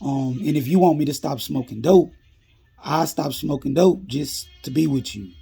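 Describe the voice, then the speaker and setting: A man quoting a persistent young woman from the streets, told in a storytime. The voice stays gravelly and husky, with a drawl, and a little higher than his plain narration. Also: moderate pace, dark tone, soft background music, full character voice. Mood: pleading.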